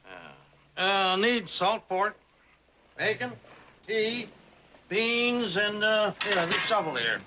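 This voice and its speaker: A high, bright voice belongs to this old prospector of a TV western. He is wary and sardonic, with folksy frontier talk and a dry, suspicious way of putting things. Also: sing-song, slow pace, long pauses, a little hiss or hum, full character voice. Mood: matter-of-fact. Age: older. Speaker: actor in a TV western. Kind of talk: TV western drama acting.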